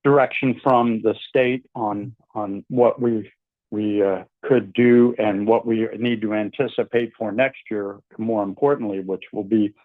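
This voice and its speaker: An older man, a county commissioner, calling into a radio interview over a buzzy phone line, speaking haltingly with many fillers. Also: lowish voice, fairly even intonation, dry recording. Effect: buzzy phone call audio. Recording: tinny dry phone line.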